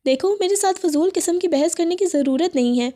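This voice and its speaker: A woman voicing a cold, short-tempered young husband, talking curtly and dismissively in a high, mellow voice. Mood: harsh. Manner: curt, dismissive.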